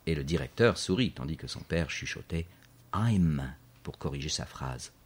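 A man reading a children's story aloud in a measured, clear narration. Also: extremely low pitch, lively intonation.

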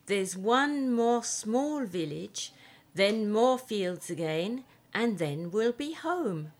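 Man doing a gentle mum, slow talker. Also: sits high, lively intonation, pitched above the performer's own voice, heavily acted. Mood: kind. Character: kind English mother, gently scolding.

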